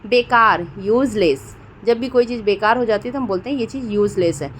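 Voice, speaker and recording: A fairly high-pitched woman with an Indian accent gives a spoken vocabulary lesson. She often pauses to check in with her listeners and poses each question before she answers it. Faint noise sits under her voice. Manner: repeats "theek hai doston" often and asks questions before giving answers. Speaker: English teacher.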